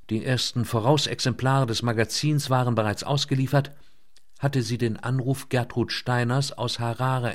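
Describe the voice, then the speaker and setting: A man reading a novel aloud in a measured, scripted way, slowing down on key words. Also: mid-range voice. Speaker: audiobook narrator. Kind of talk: scripted narration.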